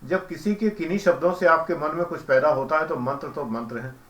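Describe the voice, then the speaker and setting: A man giving a calm, explanatory devotional lecture as a spiritual teacher, who chants mantras slowly. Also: fairly high pitch, reverberant, muffled recording.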